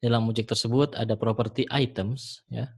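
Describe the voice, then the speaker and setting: A man teaching programming in a screen-recorded tutorial, talking the viewer through each step in a relaxed way with frequent fillers. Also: mid-range voice, normal speed, vocal fry, husky. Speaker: programming instructor.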